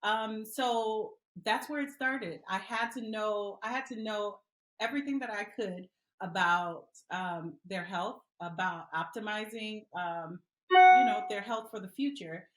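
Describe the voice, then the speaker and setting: A middle-aged woman from Liberia answering interview questions in an earnest, pausing way. Her voice sits in the middle of the range and carries an echoey room sound. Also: medium pitch, soft background music. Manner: earnest, with many "um" pauses. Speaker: guest, mother and advocate.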